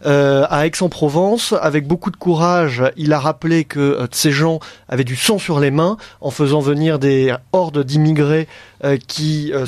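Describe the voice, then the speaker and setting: A man's voice: fairly high pitch, darkish tone, no room sound. A man hosting a radio discussion, talking with many fillers and restarts. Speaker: radio show host. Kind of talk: radio talk-show discussion. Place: radio studio.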